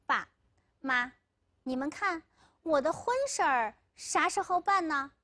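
A woman's voice: high voice, very animated, moderate pace, fairly bright tone. A woman lecturer voicing a scheming, self-serving young village man in a told story. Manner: boastful and pleading by turns.

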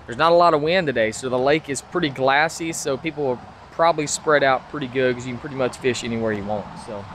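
A man's voice: medium pitch, fast, slight background noise. A man in his thirties talking casually to a handheld camera at arm's length outdoors, explaining his fishing gear with plenty of "uh"s. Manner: relaxed, filler-heavy explaining. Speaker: fishing vlogger. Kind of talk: casual vlog narration. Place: outdoors on a suburban street and lakeside, also in a truck. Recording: music playing underneath. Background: background music.

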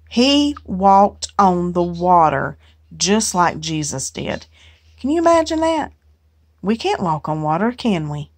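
A woman hosting a home Bible study, reading scripture aloud and musing on it in a folksy, unhurried way. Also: mid-range voice. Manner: folksy, unhurried, reads scripture aloud then muses on it with "you know". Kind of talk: casual Bible reading and reflection.

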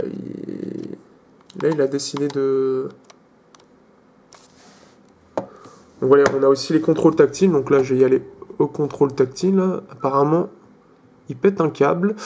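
A man's voice: medium pitch, gravelly, dark tone, a little hiss or hum. A young man hosting a casual tech demo, talking with many hesitations, fillers and restarts as he walks through settings. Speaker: tech video host.

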